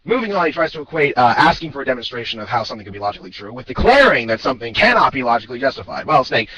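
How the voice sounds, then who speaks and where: Fast-talking, pedantic arguing man. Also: medium pitch, sing-song, pushed and bright, low-quality recording. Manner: rapid, pedantic, lecturing. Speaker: critic in a video debate. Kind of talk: argumentative rebuttal video.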